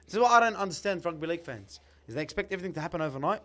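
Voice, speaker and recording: A man's voice: a little high, animated, very fast, bright, forceful tone. A man with a Lebanese-influenced Sydney Australian accent, co-hosting sweary sports banter in an argumentative, emphatic, slangy way. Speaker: podcast co-host.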